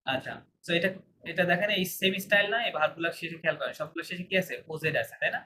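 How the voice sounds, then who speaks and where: Man, french teacher, bright tone, slightly high, faint hiss, video call. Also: very fast. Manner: patient, explains in Bengali with English and French. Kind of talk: online language class. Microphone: laptop on video call.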